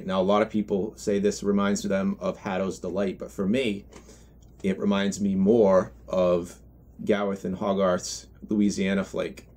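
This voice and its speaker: A man giving an unscripted product review in a halting, reflective way, often correcting himself as he goes. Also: fairly low pitch, a little mellow. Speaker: pipe tobacco reviewer.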